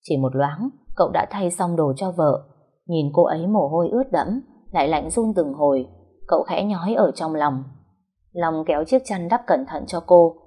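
A woman narrating a story in a steady, even reading voice. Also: deep voice, breathy edge.

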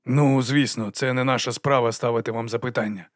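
A man voicing a nervous chief acolyte who stammers and hesitates, dragging his words slowly. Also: mid-range voice, steady tone, no echo, studio quality, lightly acted. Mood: flustered.

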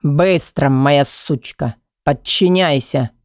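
Female reader voicing a vicious, commanding young man, low growl, close dry mic. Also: slow, dry recording. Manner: snarling, threatening, low menacing whisper. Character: cruel menacing young man, domineering and vulgar.

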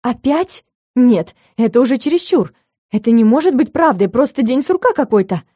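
A woman's voice: on the high side, animated, normal speed, warm tone, slightly rough, dry recording, studio quality. A woman reading as a curt young office worker. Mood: dismayed. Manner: curt, cold, clipped. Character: irritated young female office employee.

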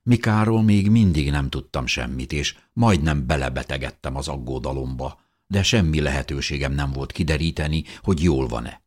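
A man narrating a first-person audiobook in an earnest, measured way. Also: very deep voice, breathy edge.

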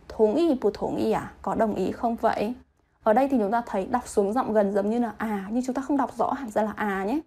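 A woman teaching vocabulary, reading example sentences slowly and then translating them word by word. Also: on the high side, dark tone. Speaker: Chinese language teacher.

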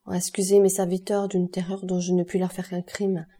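A woman reading the part of a grieving male royal prosecutor, calm and formal, in an audiobook. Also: lowish voice, a little fast, husky. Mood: grave calm.

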